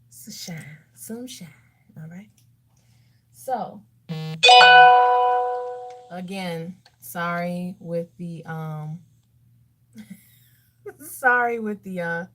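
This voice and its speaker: A woman's voice: on the low side, bright, forceful tone. A woman beauty vlogger chatting casually while doing her makeup, talking to herself and throwing sassy asides to viewers. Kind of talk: casual get-ready-with-me chat.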